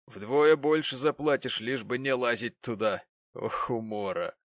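A man's voice: lowish voice, steady tone, a little slow, bright, forceful tone, no room sound, clean studio sound. A man voicing a cynical old monument keeper with a sly, mocking manner.

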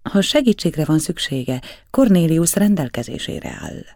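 A calm, mysterious aristocratic man speaks quietly and gently but firmly, as a man reading the storybook plays him. The tone is mellow with a gravelly grain, and the sound is dry. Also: fairly high pitch, no echo, pitched above the performer's own voice. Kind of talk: audiobook reading.

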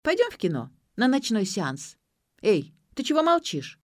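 A confident young man on the phone who talks calmly and smoothly, as a woman reading a story voices him. The sound is dry and close. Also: a little high, normal speed, dry recording, voice pushed up. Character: smooth-talking young male student.

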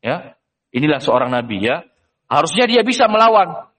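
A man teaching a religious lesson as a story, animated, asking rhetorical questions and filling with "ya". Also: on the high side, normal speed, big-room sound.

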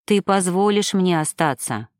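A woman reading an audiobook, voicing a tender, devoted young man in a lowered, doting voice. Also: expressive, measured pace, smooth, dry recording, studio quality. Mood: pleading.

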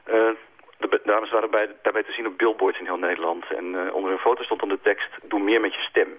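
A man who made a website, a guest on a radio show, talking fast with many hesitations. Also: on the low side, steady tone, husky. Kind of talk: radio interview. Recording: dull lo-fi line.

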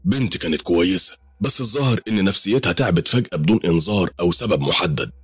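A man's voice: sits low, expressive, very fast, breathy edge, no echo. A man voicing an insistent older neighbor woman with an Egyptian accent. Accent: Egyptian Arabic.

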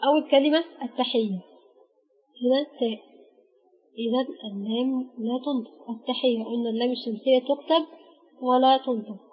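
A woman with an Egyptian accent teaching an Arabic grammar lesson, patiently naming letters one by one with pauses. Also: high-pitched, slightly rough. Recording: dull lo-fi recording.

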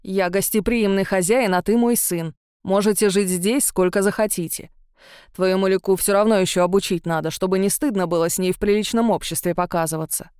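A woman's voice: mid-range voice, fairly even intonation, brisk, a little mellow, clean tone, dry recording, clean studio sound, close to an everyday voice. A woman voicing a stern, domineering older father who scolds his son. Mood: commanding. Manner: commanding, scolding.

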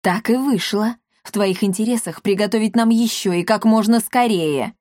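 Cold, calm menacing stranger, a woman reading her; dry sound. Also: medium pitch, normal speed, no room sound, close to an everyday voice. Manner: calm, icy, threatening. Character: cold commanding mysterious woman. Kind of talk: audiobook character voice.

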